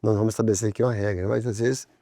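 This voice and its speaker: A Brazilian Portuguese-speaking man hosting a religious family talk program, chatting conversationally and getting animated when he tells examples. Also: lowish voice, racing, dry recording, clean studio sound.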